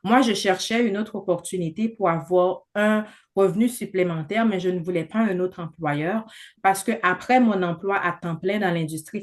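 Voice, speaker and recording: A woman in her thirties giving a persuasive business presentation over a video call, chatty, with many fillers. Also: fairly low pitch. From not from Canada.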